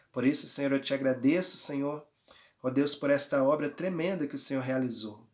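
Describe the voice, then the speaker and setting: A man preaching a sermon and leading prayer, stretching words out for emphasis and often calling out hallelujahs. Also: mid-range voice. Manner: fervent, drawn-out emphasis with frequent hallelujahs. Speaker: pastor.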